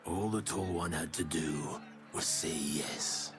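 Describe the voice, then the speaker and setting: A video game cat as a hardboiled noir detective, with a low-pitched, brooding delivery. Each line comes as a grave, dramatic monologue about justice and fate. Music plays clearly underneath. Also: male voice, slow.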